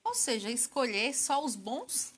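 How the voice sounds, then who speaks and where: A woman hosting a TV program, introducing segments and asking questions in a lively, upbeat way. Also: on the high side, a little slow, slightly rough, soft background music. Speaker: program host.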